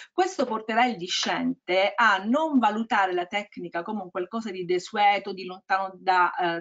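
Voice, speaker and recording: A woman presenting art techniques to teachers in a training session, talking quickly and explaining with frequent hesitations. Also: mid-range voice, a bit bright. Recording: slightly dull lo-fi audio.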